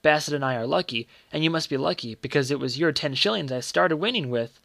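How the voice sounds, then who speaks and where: A man voicing an earnest, secretive young boy in a story, speaking gravely and politely. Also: on the high side, fast talker, fairly bright tone, no echo.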